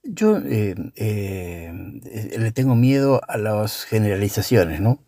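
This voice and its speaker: A man with a Rioplatense Spanish accent, speaking as a father in a measured, thoughtful way with fillers. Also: on the low side, very animated, warm tone, no room sound, studio quality. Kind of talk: casual reflective conversation.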